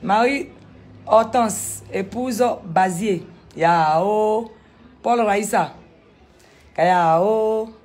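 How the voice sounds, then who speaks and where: A woman, vlogging casually from a sunny village outdoors on a handheld phone, animated and talkative, firing back at critics. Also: mid-range voice, extremely slow, pauses often. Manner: animated, chatty, retorts to critics. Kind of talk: casual vlog tour.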